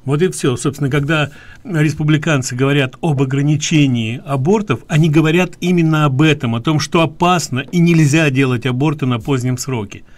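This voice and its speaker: A man's voice: fairly high pitch, brisk. A man co-hosting a call-in radio show, arguing his points emphatically with rising indignation. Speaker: radio co-host. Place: radio studio.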